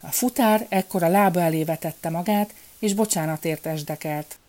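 Low mellow woman telling a fairy tale. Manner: calm, measured storytelling. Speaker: storyteller.

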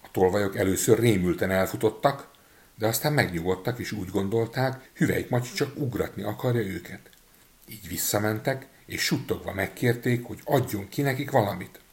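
Low-pitched male storyteller, expressive fairy-tale reading. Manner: expressive, changing voices for figures.

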